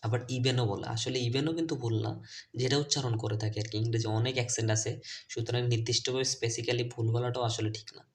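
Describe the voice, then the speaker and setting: A man teaching English letter sounds to children's teachers and parents. His first language is Bengali. He spells out the letters and repeats each word slowly. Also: medium pitch, fairly even intonation. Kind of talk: phonics lesson video.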